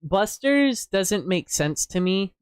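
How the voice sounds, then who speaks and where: Brief: worn-out man streaming, smooth resonant voice, dry close sound, rambling and hesitant. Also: sits high, sing-song, slow, no room sound. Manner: rambling, hesitant, repeats words. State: tired. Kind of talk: casual chat while gaming.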